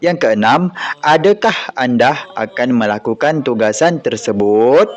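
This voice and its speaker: A man with a Malaysian Malay accent teaching an online class, reading example sentences aloud slowly and patiently. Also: medium pitch, expressive, muffled recording, soft background music. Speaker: religious school teacher.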